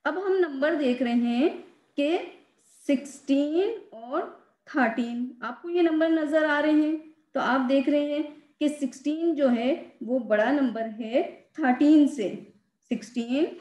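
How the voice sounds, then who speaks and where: A woman teacher with a high voice walks young students through a math lesson, slowly and patiently. She repeats the key words and stresses each one. The voice rings in an echoey room. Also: darkish tone.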